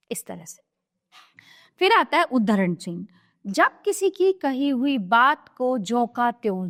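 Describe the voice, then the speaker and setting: A woman teaching a grammar lesson in a chatty way, reading examples slowly and often checking that listeners follow. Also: on the high side, long reverb tail. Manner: chatty, explains each point, asks "है ना?". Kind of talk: grammar lesson explained from a book.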